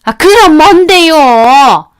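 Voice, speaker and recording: A woman voicing a nagging, sharp-tongued older mother-in-law who scolds with contempt. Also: high voice, expressive, slow pace. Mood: annoyed.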